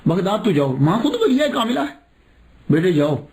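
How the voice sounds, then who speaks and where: A man voicing an elderly, tearful mother who speaks gently and lovingly to her son in a sermon story. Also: high-pitched, big pitch swings. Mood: tender.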